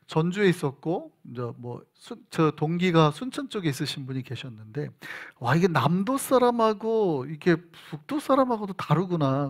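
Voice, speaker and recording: Lively high-voiced male pastor preaching. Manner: storytelling, animated, acts out dialogue. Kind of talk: sermon. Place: church sanctuary.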